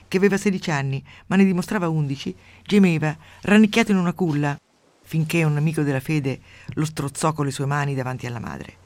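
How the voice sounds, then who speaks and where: A deep-voiced woman radio host reads a literary passage aloud, swinging dramatically between hushed and loud, then chats with a guest. There's no echo on the recording.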